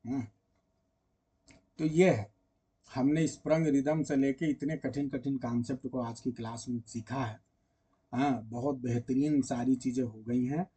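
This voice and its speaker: A man's voice: medium pitch, fairly even intonation, measured pace, long pauses, mellow, husky. A man teaching literature in a casual online lecture, chatting directly with his students and drawing out words when he sings an example.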